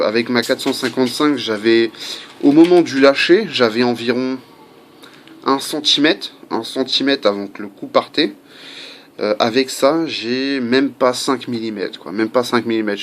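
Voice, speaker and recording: A man giving a casual how-to video at home, chatty and full of fillers, with faint construction noise behind him. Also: medium pitch. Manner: chatty, many fillers and asides. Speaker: airgun hobbyist demonstrating a part swap.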